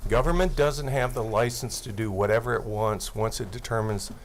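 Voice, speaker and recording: A legislative committee hears formal testimony from an attorney in his sixties at a table microphone; he is earnest and methodical and reads legal language aloud. He talks at a moderate pace in a medium-pitched voice, with background noise present.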